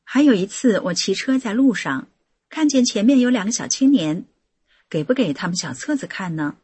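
A woman reading a personal account aloud in an earnest, measured scripted narration. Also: mid-range voice, expressive, warm tone, breathy edge, dry recording. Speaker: article reader.

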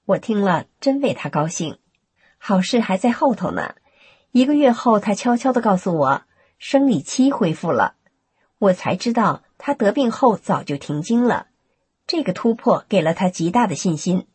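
A woman reading a first-person testimony aloud in a steady, earnest storytelling manner. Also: mid-range voice, normal speed, slightly rough, no echo. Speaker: narrator.

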